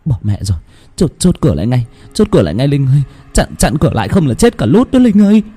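A man's voice: mid-range voice, sing-song, quick pace, slightly rough, voice pushed up. A man voicing a frightened young mother who urges and coaxes in a raised voice. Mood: urgent. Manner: urgent, hushed coaxing.

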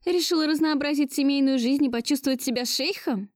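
A woman voicing a distraught young woman who confronts her lover in shrill, near hysterical outbursts. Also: expressive, brisk, a little mellow, no echo, studio quality. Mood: bitter.

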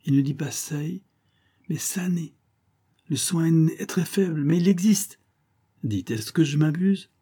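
A man reading aloud as an eager young male detective, speaking in a raised, excited way. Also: a little high, moderate pace, breathy edge, pitched above the performer's own voice.

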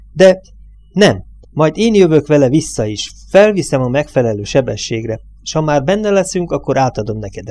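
A man's voice: mid-range voice, a little mellow, natural voice. A man voicing a domineering, coarse truck driver in an audiobook reading, pressing his nervous partner hard.

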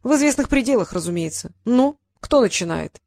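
A woman's voice: a little high, animated, brisk, gravelly, darkish tone, dry recording, pitched above the performer's own voice. A woman voicing a boastful, pedantic male dragon who loves riddles, speaking in a raised, emphatic, pompous way.

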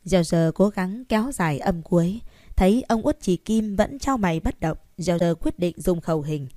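A woman narrating an audiobook story in a steady, even reading. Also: on the low side, moderate pace, no room sound, clean studio sound.

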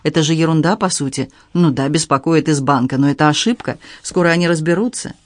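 A man's voice: fairly high pitch, a little fast, no echo, natural voice. A man reading as a cold strict stepmother. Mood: cold, stern. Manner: level, dry, coldly calm. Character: strict cold middle-aged stepmother, dry and ironic.

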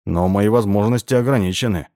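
A man voicing a polite, modest young male hypnotist in a read-aloud story, speaking softly and courteously. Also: fairly low pitch, a little fast, no room sound, studio quality, natural voice. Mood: gentle. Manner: soft-spoken, courteous.

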